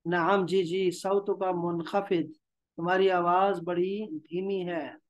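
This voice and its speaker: High pitched pakistani guy teaching a class, reads a phrase then explains it, keeps repeating himself to coax students. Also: flat delivery, slow pace. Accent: Pakistani Urdu. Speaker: Arabic teacher. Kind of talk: classroom lesson.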